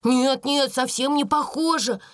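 A woman voicing a kind, timid, slow-witted schoolgirl who speaks hesitantly in a storybook reading. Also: deep voice, lively intonation.

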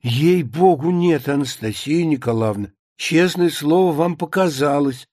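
An awkward bachelor courting in pompous, flowery phrases, voiced by a man. The voice is slightly high and set close and dry. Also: lively intonation, measured pace, a little mellow, no echo. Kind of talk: dramatic reading of a play.

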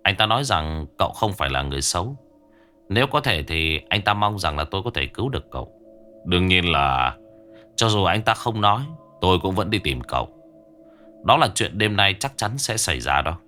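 A man voicing a composed, middle-aged male exorcist who speaks in an unhurried, matter-of-fact way in an audio ghost story. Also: deep voice, sing-song, bright, forceful tone, soft background music, heavily acted. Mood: calm.

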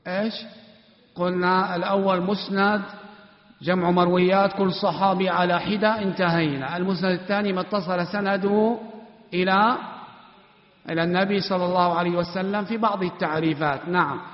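A man teaching an Islamic study class, quizzing students one by one in a commanding, brisk way with a sometimes chant-like delivery. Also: sits high, fairly even intonation. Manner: commanding, brisk orders to stand and sit. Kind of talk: classroom question and answer. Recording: echoey hall, dull lo-fi sound.

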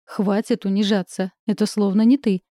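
Женщина читает за холодного резкого парня. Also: female voice, medium pitch, level tone, normal speed, warm tone, no room sound, studio quality, lightly acted. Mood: stern. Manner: curt, icy, commanding. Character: cold, harsh young man breaking up.

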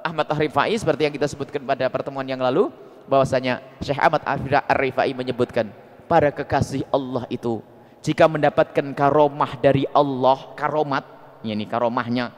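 A man preaching a sermon, animated and swinging from soft asides to loud emphasis. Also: fairly high pitch. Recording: long hall reverb.

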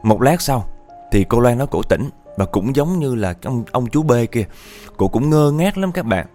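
A man's voice: medium pitch, sing-song, normal speed, dark tone, faint music behind. A man narrating a ghost story in a chatty way, often speaking straight to his listeners. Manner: chatty, addresses listeners directly.

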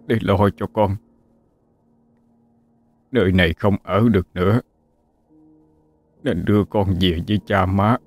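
A man voicing a dying young husband who gently consoles his wife in a ghost story. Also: low-pitched. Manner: soft, slow, comforting.

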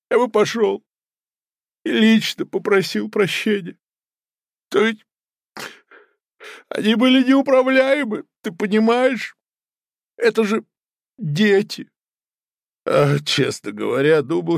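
Whiny gravelly theatre boss, high and dramatic, storybook voice. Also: male voice, lively intonation, takes it slowly, pauses often, no room sound, clean studio sound, exaggerated voice. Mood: wailing. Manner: sobbing, theatrical wailing. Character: self-pitying tyrant puppet-theatre master, middle-aged man. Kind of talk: audiobook character voice.

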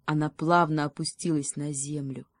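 A woman narrating a children's fairy tale in a gentle, lyrical reading voice. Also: sits low, fairly even intonation, moderate pace, no room sound, studio quality. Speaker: storyteller. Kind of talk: scripted storybook narration.

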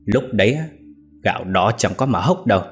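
Brief: man voicing brutish gambling son, low-pitched, harsh, contemptuous. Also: lively intonation, brisk, soft background music, close to an everyday voice. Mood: snarling.

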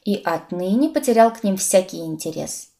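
A woman narrating an audiobook in a lively, expressive reading. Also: on the low side, normal speed, gravelly.

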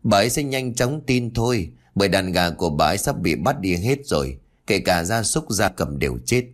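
A man playing a calm feng shui master. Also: low voice. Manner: measured, explaining.

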